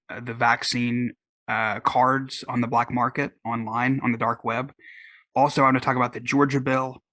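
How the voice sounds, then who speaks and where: Man, Southern US accent, solo podcast host, rambling chat, bright voice, dry close mic. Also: mid-range voice, no room sound. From Oklahoma. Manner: rambling, many restarts and fillers. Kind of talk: casual solo podcast talk.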